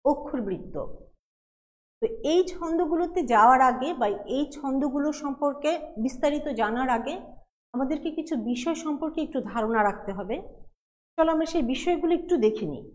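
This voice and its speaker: A middle-aged woman college teacher giving a patient classroom lecture, explaining step by step and asking questions she then answers. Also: high-pitched. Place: classroom with a board. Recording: long hall reverb.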